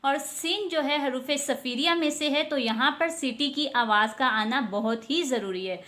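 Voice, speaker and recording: A woman's voice: high voice, a little slow, fairly bright tone. A woman teaching Quran pronunciation, explaining patiently and stretching out letter sounds to model them. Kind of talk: online tajweed lesson.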